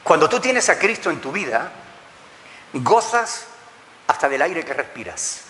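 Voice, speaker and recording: Bright-voiced pastor preaching with reverb. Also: male voice, on the high side, very animated, measured pace, slight background noise. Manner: rhetorical questions, playful jokes to the congregation. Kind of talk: sermon. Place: church hall. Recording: long church reverb.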